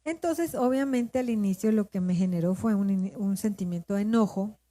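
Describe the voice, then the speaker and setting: A woman's voice: mid-range voice, a little fast, mellow. A middle-aged woman pastor with a Colombian Spanish accent, giving a sermon testimony in an emotional, confessional way. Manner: emotional, confessional storytelling with rising emphasis.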